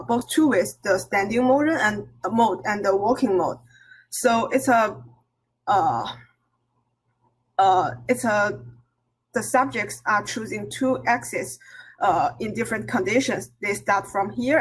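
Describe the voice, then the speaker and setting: A woman presents research at an academic conference. Her voice sits at a medium pitch with a slightly rough, husky edge. She speaks haltingly, with many hesitations and restarts as she explains. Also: rough recording. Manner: halting, hesitant delivery with frequent hesitations and self-corrections.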